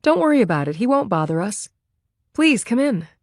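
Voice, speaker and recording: A woman voicing a nervous mother meeting her grown son for the first time, in a flustered, quick way. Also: a little high, very animated, a little mellow, no room sound, studio quality, pitched above the performer's own voice. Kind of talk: audiobook character voice.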